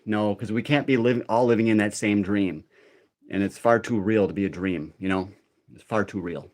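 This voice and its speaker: A man's voice: on the low side, moderate pace, a little mellow. A middle-aged man hosting a live workout, talking casually and in a rambling, conversational way to his viewers. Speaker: livestream workout host. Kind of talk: casual livestream chat during a workout.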